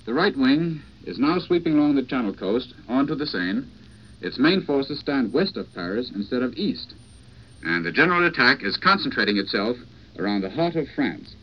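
A man's voice: medium pitch, very animated. Breathless male correspondent, formal news delivery, old 1940s radio sound, muffled and faintly hissy. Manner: formal, measured delivery with restarts. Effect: old 1940s radio broadcast. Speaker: foreign correspondent. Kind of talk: live radio news report. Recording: dull lo-fi vintage radio with faint hiss.

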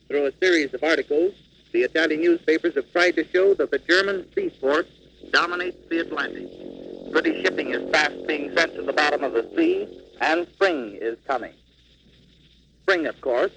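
A man, a foreign correspondent, gives a formal, measured live news report over a crackly old shortwave radio relay that sounds like an old newsreel. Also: fairly high pitch, gravelly, fairly bright tone.

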